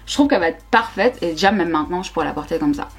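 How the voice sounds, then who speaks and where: A woman's voice: fairly low pitch, animated, very fast, slightly rough, soft background music. A young woman, chatting casually through a makeup review with lots of fillers and repeated words. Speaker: beauty vlogger.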